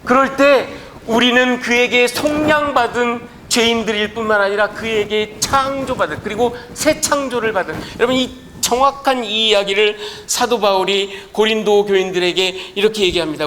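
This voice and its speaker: A male pastor preaching a sermon in a church, telling a story in an animated, emphatic way. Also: high voice, moderate pace, few pauses, a little hiss or hum.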